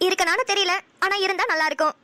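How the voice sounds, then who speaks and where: A kind young businesswoman in a cartoon, voiced by a woman. She soothes a friend in a very high, bright voice and talks quickly. The sound is dry and close. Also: fairly even intonation, dry recording. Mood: caring, concerned. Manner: soft, soothing, caring. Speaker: cartoon voice actor. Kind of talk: Tamil cartoon dialogue.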